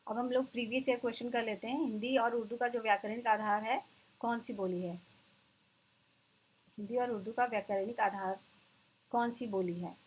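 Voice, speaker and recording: A woman teacher giving an exam-prep lecture, explaining terms and slowly repeating them for her students. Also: on the high side, steady tone, breathy edge, rough recording.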